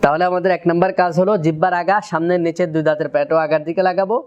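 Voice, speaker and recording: A Quran recitation teacher, a man with a Bangladeshi Bengali accent, lays out each step methodically and then drills the syllables aloud. His voice is high for a man and comes through smooth and resonant. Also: fairly even intonation, rapid-fire, muffled recording. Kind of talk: pronunciation lesson.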